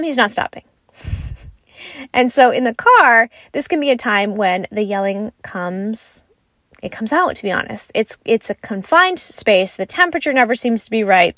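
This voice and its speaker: A woman's voice: mid-range voice, fairly bright tone, no echo, studio quality. A woman in her thirties hosting a parenting podcast, talking in an earnest, reflective way with frequent "right?" asides. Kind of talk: solo podcast monologue.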